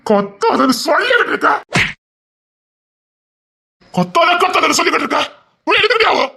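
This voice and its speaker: An insistent, scolding husband. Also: male voice, very high voice, fast, bright, forceful tone, full character voice. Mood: shouting. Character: husband defending himself, pleading then angry.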